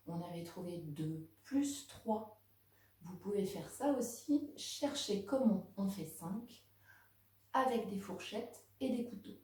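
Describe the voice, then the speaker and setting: A woman teaching a home lesson to young children, speaking slowly and clearly to the kids and their parents. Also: medium pitch, dark tone. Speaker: kindergarten teacher. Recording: very echoey room, voice from a distance.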